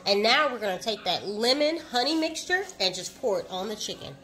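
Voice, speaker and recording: A woman's voice: mid-range voice, very animated, fairly quick, pushed and bright. A woman hosting a casual home cooking vlog, chatting to viewers as y'all and savoring her food with lots of mm sounds. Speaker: cooking vlogger. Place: home kitchen.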